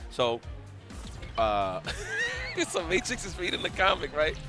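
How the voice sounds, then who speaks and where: Guy on tourney commentary, lively up-and-down voice, bit higher pitch, slangy, music faint behind. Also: slow pace. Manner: animated storytelling, laughing, slangy. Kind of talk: casual esports commentary.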